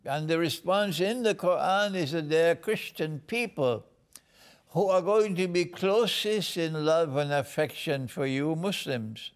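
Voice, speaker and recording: A man from Trinidad giving slow, emphatic interview answers, repeating phrases like a preacher. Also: on the high side. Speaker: guest speaker.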